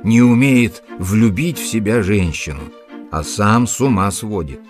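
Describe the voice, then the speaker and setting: A man's voice: on the low side, unhurried, soft background music, lightly acted. A man reading the part of a worldly middle-aged uncle, ironic and teasing in a storybook reading.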